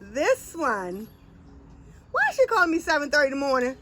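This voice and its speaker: A woman hosting a casual chat with friends, animated and laughing often, with playful drawn-out asides. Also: high-pitched, crowd noise, rough recording. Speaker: host.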